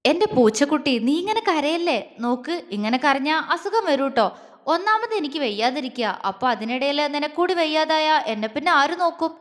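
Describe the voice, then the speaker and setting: A woman voicing a tender, teasing young husband who is injured, speaking softly and coaxingly. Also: sits high, moderate pace, big-room sound, close to an everyday voice.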